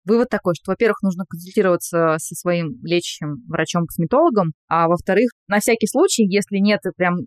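A woman's voice: lowish voice, a little fast, hardly any pauses, no echo. A woman in her late twenties interviewing an expert, chatty and telling her own experience. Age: late 20s. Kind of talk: interview questions and personal story.

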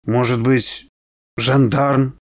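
A man's voice: medium pitch, little pitch movement, very slow, darkish tone, no room sound, studio quality. A male reader voicing the dead writer, a skeleton speaking muffled from under the ground in short, curt replies. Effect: muffled, as if heard from under the ground. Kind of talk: storytelling read-aloud.

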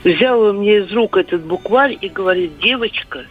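A woman's voice: medium pitch, moderate pace. Elderly female phone-in caller, storytelling over a muffled phone line, faint music underneath. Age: 80s. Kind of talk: personal storytelling. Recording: dull band-limited phone line.

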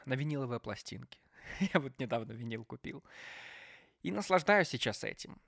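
A man in his twenties hosting a podcast in a casual, theatrical way, swinging between loud outbursts and quiet asides. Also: mid-range voice, moderate pace, creaky, dry recording, clean studio sound. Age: 20s. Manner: animated, theatrical, jumps between loud and hushed. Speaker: podcast host.

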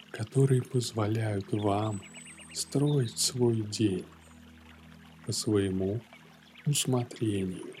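A man narrating a guided morning meditation in a gentle, soothing yoga-teacher manner, leaving long pauses between phrases. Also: on the low side, a little hiss or hum. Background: soft music.

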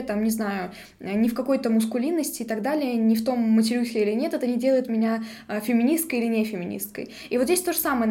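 An eighteen-year-old woman hosts a podcast in casual chat, her voice sitting a little high. She talks in a chatty, halting way, with lots of fillers between her thoughts. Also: dark tone. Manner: chatty, hesitant with many fillers. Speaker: podcast host.

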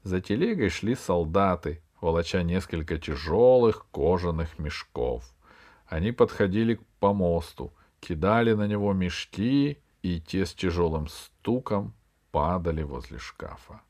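A man calmly reading a children's sci-fi story aloud as narrator. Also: low voice, measured pace. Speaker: audiobook narrator. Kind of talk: scripted narration.

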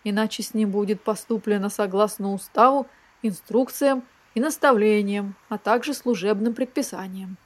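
A woman's voice: medium pitch, moderate pace, natural voice. A woman voicing a dutiful male police officer who speaks with formal official strictness. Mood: stern.

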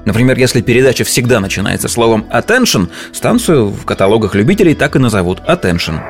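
Male explainer presenter, middle-pitched, conversational, with faint music underneath. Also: lively intonation, fast. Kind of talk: informal explainer narration.

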